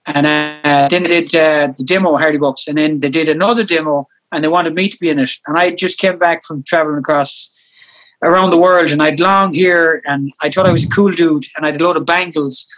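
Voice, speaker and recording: A man's voice: a little high, fairly even intonation, brisk, a bit bright, soft background music, poor audio. A man with a west of Ireland accent telling casual anecdotes as a guest, rambling and repeating himself, with some swearing. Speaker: podcast guest, comedy actor.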